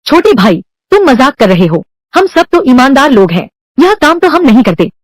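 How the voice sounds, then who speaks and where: Working as the sole dubber on a drama, a woman voices every man and woman in it without changing her voice. She sits high in pitch, sounds very animated, moves at a moderate pace, and the audio carries no echo.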